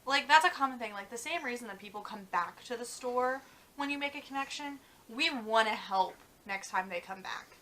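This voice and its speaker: A young woman co-hosting a casual vlog chat, talking fast and loose with lots of fillers. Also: fairly high pitch, bright, forceful tone, poor audio. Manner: chatty, many "like" fillers, trails off. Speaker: vlog co-host.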